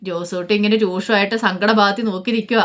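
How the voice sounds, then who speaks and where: A woman's voice: medium pitch, steady tone, fast talker, a bit bright. A woman narrating a daily family story in a colloquial, conversational way, stepping into the characters' lines.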